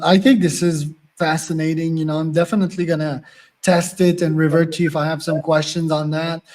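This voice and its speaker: A man's voice: a little high, a little mellow. A man hosting a podcast interview, asking direct questions in casual chat with frequent fillers. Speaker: podcast host.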